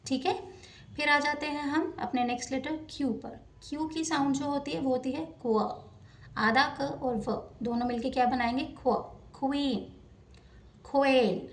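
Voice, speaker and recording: A woman with a high voice teaches children phonics, stretching out each letter sound with patient care. She is recorded at a distance in an echoing room. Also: steady tone. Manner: slow, careful demonstration of sounds. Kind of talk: phonics lesson for kids. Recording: echoey room, voice off-mic.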